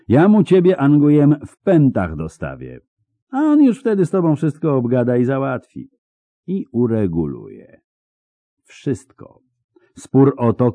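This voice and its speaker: Gloating bandit leader voiced by a man, loud, lively swings in pitch, folksy. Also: no echo. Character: boastful crude male bandit leader.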